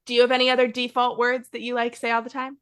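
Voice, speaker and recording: A young woman hosts a relaxed podcast chat, talking with a friend. Her voice is fairly high and bright with a forceful edge. She laughs easily and fills her sentences with "like". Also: quick pace, smooth. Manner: chatty, laughs often, fillers of like. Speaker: podcast host. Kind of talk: casual chat.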